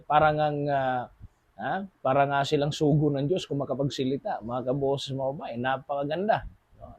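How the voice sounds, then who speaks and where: A man's voice: medium pitch, breathy edge, no echo, dull audio. A man with a Filipino accent giving casual news commentary as a show host, constantly addressing his audience and using many fillers.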